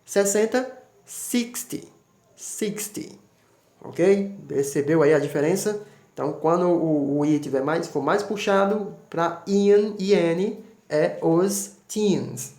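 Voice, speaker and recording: A man's voice: fairly high pitch, slow pace, darkish tone. A man teaching English numbers to students, patiently spelling words out letter by letter and checking in with short tags. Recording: echoey room.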